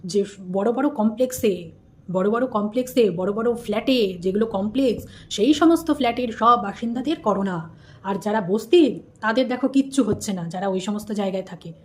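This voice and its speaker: Brisk and slightly mellow, her mid-range voice carries a chatty commentary vlog. The Indian host scolds, repeats herself, and keeps asking her audience rhetorical questions.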